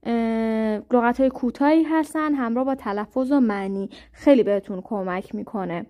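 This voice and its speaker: A woman leads a patient, step-by-step spoken lesson, slowing right down to say each new word with care. Her voice sits a little high. The recording is dull and muffled. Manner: slow, careful spelling-out of words. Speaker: language teacher. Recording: muffled lo-fi audio.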